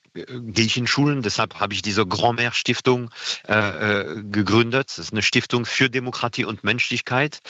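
A middle-aged man with a French accent talks earnestly in an interview, pausing often and filling gaps with hesitations. His voice sits low but sounds bright and forceful. The recording is dull and lo-fi. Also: no echo. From France. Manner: earnest, hesitant with many fillers. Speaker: guest. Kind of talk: radio interview.

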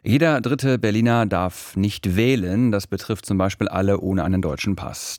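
A man's voice: on the low side, darkish tone, no room sound, clean studio sound. A man presenting a radio news segment.

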